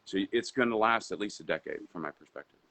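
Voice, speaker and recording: A man who grew up in Indonesia, with Indonesian as his first language, appears as a guest entrepreneur in a casual live interview over a video call. His fairly low, sharp-toned voice moves at a quick pace. He rambles, with many fillers and restarts.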